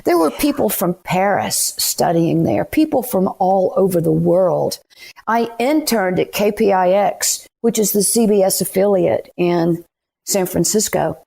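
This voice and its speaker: Southern woman, gravelly storyteller. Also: mid-range voice, measured pace. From Anderson, South Carolina. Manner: animated, emphatic storyteller. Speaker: guest author. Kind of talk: storytelling interview.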